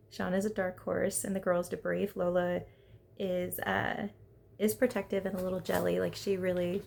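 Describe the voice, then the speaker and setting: A woman's voice: lowish voice, gravelly, darkish tone, a little hiss or hum. A woman giving a casual, opinionated recap of a reality TV episode, chatty and full of "like" fillers. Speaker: reality TV reviewer.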